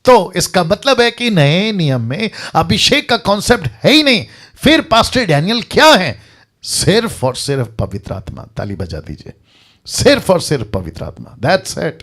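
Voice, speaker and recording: A man's voice: high-pitched, big pitch swings, normal speed, fairly bright tone. A man preaching a sermon as a pastor, emphatic and repeating lines for effect.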